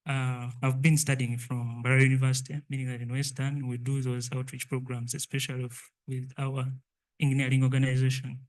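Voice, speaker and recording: A young man with a Ugandan accent answers questions as a student innovator. His pitch stays flat and even, and his phrases come out hesitantly, a piece at a time. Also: a little fast, rough recording. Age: young adult.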